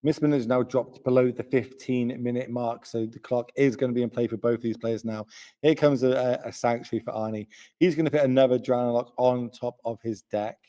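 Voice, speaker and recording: A young man doing live commentary on a card game tournament. His voice sits at a middle pitch, chatty and full of joking asides. He sounds tired from a long late-night session. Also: steady tone, fairly quick, mellow.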